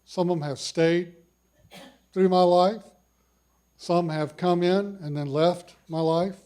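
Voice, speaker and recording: An older man with a big, clean voice that sits high yet sounds dark shares his cancer story with a conference audience. He takes it slowly and steadily, and his personal talk as a survivor is folksy and self-deprecating.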